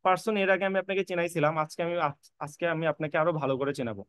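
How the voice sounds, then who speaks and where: In a slightly high, fairly bright voice, a man fires off an online English grammar lecture aimed at admission prep. He repeats points, spells words letter by letter, and speaks straight to his students to reassure them, with no echo in the recording.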